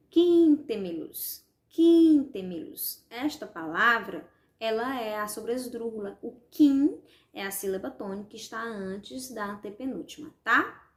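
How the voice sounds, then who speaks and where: A Brazilian woman, a Spanish teacher, talks her class through an exercise in a mid-range voice. She explains patiently, drawing out each example word and checking in with the students after every point. Her voice bounces around an echoey room. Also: mid-range voice. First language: Portuguese. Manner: explanatory, repeats words slowly, checks with "tá?" and "vale?". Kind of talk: recorded online class, correcting exercises.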